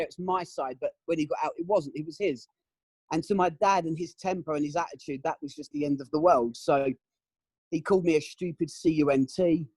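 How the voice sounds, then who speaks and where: A middle-aged man giving candid, emotional testimony in an interview, often pausing with "um" and "you know". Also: fairly high pitch, darkish tone, slightly rough, dry recording, poor audio. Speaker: interview guest.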